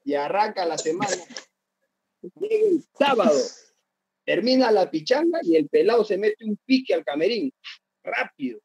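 Tell it like a laughing ex-player, high-pitched and husky, over a dull dry call line. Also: male voice, moderate pace, long pauses, dry recording. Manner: animated, laughing, acts out others' lines. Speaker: former footballer guest. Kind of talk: casual storytelling.

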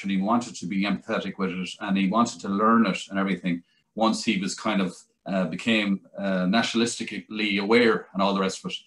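Speaking from a small indoor room with a plain wall, this middle-aged Irish man, a translator and author, wanders through a video-call interview with lots of false starts and "you know" fillers. His slightly bright voice sits lowish, picked up by a webcam mic.

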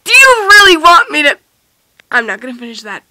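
A young woman playing out an improvised puppet skit with plush toys, exclaiming and bickering excitably in character. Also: high-pitched, fairly quick, no echo. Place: small carpeted room at home.

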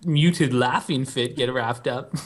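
A man's voice: on the high side, lively intonation, normal speed. A man in his thirties co-hosting a podcast, chatting casually with wry jokes and frequent laughing. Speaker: podcast co-host. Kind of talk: casual chat. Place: small room, on a video call. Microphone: close desktop microphone.

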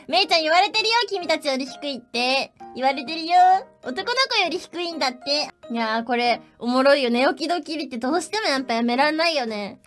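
A woman's voice: sits high, a bit bright. A young woman streamer chatting casually and playfully, often breaking into giggles between sentences.

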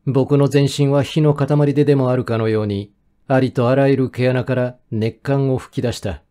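A male audiobook narrator tells a first-person mystery in a steady, measured way. His voice is warm and dark, sitting at an ordinary middle pitch. The reading is calm and even, made for listening at night.

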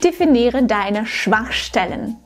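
A woman coaching German pronunciation in a scripted tutorial to camera, slow and clearly articulated, like a teacher. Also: a little high, animated, faint music behind.

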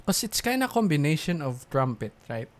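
A man's voice: fairly high pitch, very animated, a little fast. A man from the Philippines hosting a beatbox reaction video, exclaiming, laughing and swearing in disbelief as he reacts. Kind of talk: excited reaction commentary.

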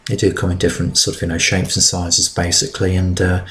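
A middle-aged man narrating his DIY build in a relaxed, practical way with fillers. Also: low voice, fast. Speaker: DIY vlogger.

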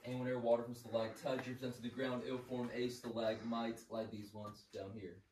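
A man explaining cave formations as a tour guide, in a steady, explanatory way. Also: medium pitch, moderate pace, slight background noise. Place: inside a cave. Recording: echoey cave from far off.

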